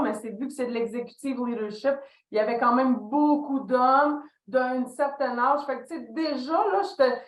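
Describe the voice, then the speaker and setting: An echoey room holds this reflective interview with a middle-aged woman with a Québécois French accent, a leadership consultant guesting on a podcast. Her voice is a little high. She tells lively stories about her career and dramatizes the dialogue she recalls.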